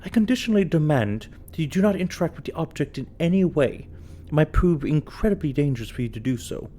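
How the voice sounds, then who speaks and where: A man doing a haughty posh British gentleman with a put-on upper-class accent. His reading is pompous and condescending, the voice of a letter writer looking down on its reader. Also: a little high, expressive, quick pace, a little hiss or hum, pitched above the performer's own voice, close to an everyday voice. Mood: haughty, scornful.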